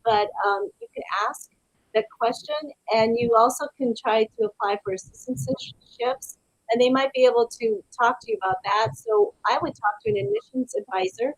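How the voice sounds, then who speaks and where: A woman's voice: a little high, lively intonation, moderate pace, gravelly, no echo, poor audio. A woman hosting a live webinar Q&A over a video call, chatting with many fillers and reading out viewer questions. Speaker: webinar host.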